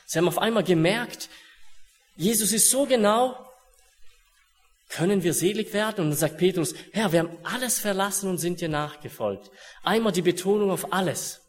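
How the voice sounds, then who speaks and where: A young man preaching a sermon in an earnest way, dropping to hushed solemn words and then rising to urgent ones. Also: sits high, expressive, a little fast.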